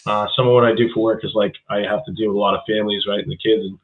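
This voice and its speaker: A man's voice: on the low side, level tone, racing. A man who used to coach youth hockey, chatting casually on a podcast in a laid-back way, dropping "dude" and "you know what I mean". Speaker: guest, former hockey coach. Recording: tinny phone-like line.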